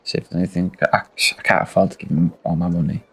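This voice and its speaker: A man's voice: deep voice, flat delivery, fast, fairly bright tone, husky. A man chatting casually as a player in a tabletop game. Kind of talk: casual chat.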